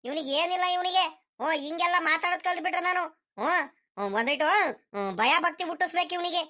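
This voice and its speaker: A woman voicing a scolding village grandfather in a cartoon comedy, ranting in rapid bursts with repeated exclamations. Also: extremely high pitch, bright, forceful tone. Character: scolding village grandfather, quick-tempered but soft-hearted.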